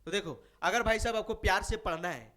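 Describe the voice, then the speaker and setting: A man's voice: sits high, brisk, sharp tone. A male chemistry teacher, talking casually and persuasively to students while a little unwell. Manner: chatty, colloquial, playful and persuasive. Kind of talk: casual promotional talk to students.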